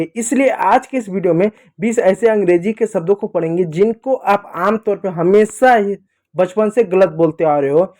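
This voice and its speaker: A man's voice: high voice, dark tone. A man with an Indian accent teaching English pronunciation, emphatically repeating each word again and again. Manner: emphatic, repeats words over and over. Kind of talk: classroom lesson explaining pronunciation.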